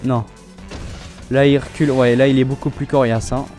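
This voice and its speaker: A young let's play host chats about his gameplay in a relaxed, casual way, often restarting sentences. His voice is mid-range at a moderate pace, and soft music plays in the background.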